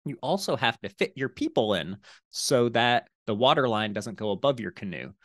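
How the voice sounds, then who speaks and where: A young man cohosting a relaxed podcast, cracking dry jokes as he walks through the topic. His voice sits in a middle register and comes through a headset mic over a video call. The sound is close and dry, with almost no room around it. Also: medium pitch, moderate pace, dry recording. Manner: joking, wry asides. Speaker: podcast co-host. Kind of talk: casual podcast chat. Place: small room at home. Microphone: headset with boom mic on video call.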